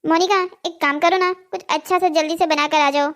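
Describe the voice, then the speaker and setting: A woman playing a sneaky, guilty husband in a cartoon, very high voice. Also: fairly even intonation, a little fast, fairly bright tone. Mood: coaxing. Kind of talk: Hindi cartoon voice acting.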